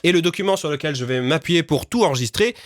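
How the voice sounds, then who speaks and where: A man casually explaining, in a relaxed way with frequent fillers, how he records voices for his game. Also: a little high, quick pace, dry recording, studio quality. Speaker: game developer and voice actor.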